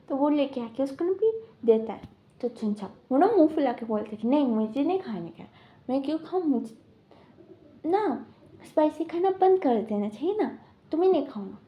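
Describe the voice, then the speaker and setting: A woman casually retelling a fan fiction story, chatty and acting out the characters' lines as she goes. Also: dull audio. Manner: chatty, acts out characters' lines with shifting pitch.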